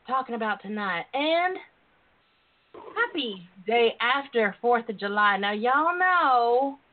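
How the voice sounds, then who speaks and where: A woman with a Southern US accent, talking casually and candidly as a chatty, playful, folksy talk show host. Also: a little high. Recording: tinny, phone-like internet radio line.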